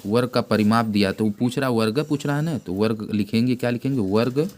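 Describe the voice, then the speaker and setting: A man giving an informal math lesson who keeps repeating terms and quizzing his pupil with quick questions. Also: mid-range voice, darkish tone. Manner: plain conversational delivery with frequent restarts. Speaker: math teacher.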